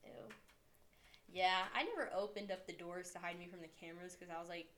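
A woman's voice: on the low side, fairly even intonation, a little fast, a bit bright. A woman chatting casually with a friend, blunt and swearing, often laughing. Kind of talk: casual chat.

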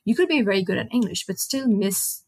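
A young Nepali woman speaks English with a Nepali accent as the solo host of a casual podcast, rambling chattily and correcting herself. Her medium-pitched voice is expressive and fairly quick with a breathy edge, and there is no echo.

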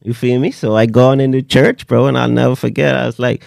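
Male rapper, interview guest. Casual, slangy storyteller, medium pitch, dry recording. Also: little pitch movement, brisk, vocal fry, darkish tone, no room sound.

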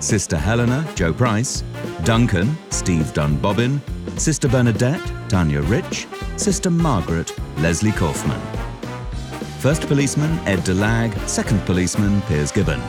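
Deep voiced guy reading drama credits, lilting announcer delivery, guitar music behind. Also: sing-song, moderate pace. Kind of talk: scripted audio drama credits.

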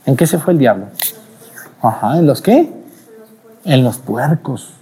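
Animated priest preaching at mass. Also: male voice, mid-range voice, unhurried, slightly rough. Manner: animated, asks the congregation rhetorical questions. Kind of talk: sermon at mass.

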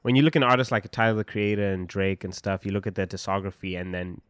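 A man's voice: lowish voice, fairly even intonation, fast, clear, resonant tone, no room sound, studio quality. A young man co-hosting a podcast in casual, slangy chat, full of fillers and laughs. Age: young adult. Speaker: podcast co-host.

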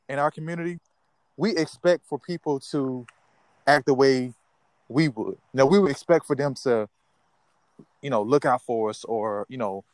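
A man's voice: mid-range voice, dry recording. A man in a casual discussion, talking in a reflective, rambling way full of "you know".

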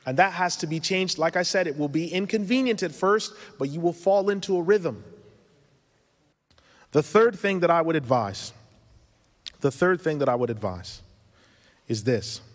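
A man's voice: on the high side, lively intonation, normal speed, pauses often. A man in his thirties with a foreign accent, giving an earnest religious lecture at a conference, full of advice and rhetorical questions. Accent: foreign accent he mentions himself. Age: 30s. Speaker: conference speaker. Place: conference hall. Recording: reverberant conference hall.

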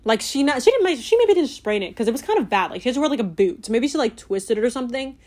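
A woman's voice: fairly high pitch, fast talker. A young woman chatting casually about a book she loved, gushing and giggly, with many filler "like"s. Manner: giggly and animated. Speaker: book reviewer. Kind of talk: casual book review chat.

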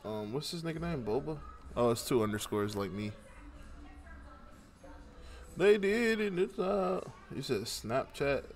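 A man's voice: medium pitch, animated, unhurried, pauses often. A man hosting a casual podcast chat, rambling and teasing in loose slang. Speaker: podcast host.

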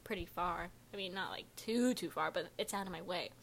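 A woman's voice: on the low side, brisk, vocal fry, a bit bright, a little hiss or hum. A teenage girl co-hosting a casual podcast chat, joking, giggling and trailing off mid-sentence. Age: teens. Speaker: podcast co-host.

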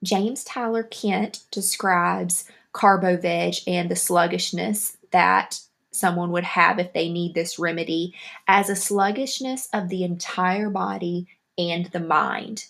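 A woman's voice: fairly low pitch, fairly even intonation, slow pace, vocal fry, fairly bright tone. A woman with a Southern US accent hosting a podcast, reading a friendly scripted monologue with careful delivery. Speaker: podcast host.

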